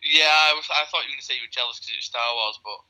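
Talking very fast in a sharp, mid-range voice, a male podcast co-host with a cold rambles and jokes crudely. His side of the casual chat comes from a phone call heard on speakerphone.

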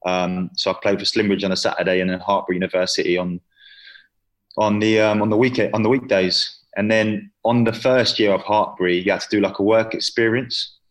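Man, low voice, twenties, casual interview chat, lots of "you know". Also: steady tone, brisk. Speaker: interview guest, footballer.

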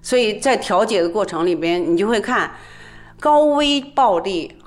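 A woman's voice: mid-range voice, expressive, moderate pace. A woman who trains people on domestic violence, explaining her views earnestly in an interview, with frequent hesitant fillers.

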